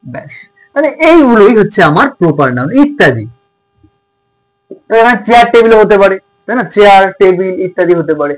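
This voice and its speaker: High-voiced tutor repeating grammar basics. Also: male voice, sing-song, fairly quick, low-quality recording. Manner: repetitive, checks in with "okay?". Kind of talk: grammar lesson for schoolchildren.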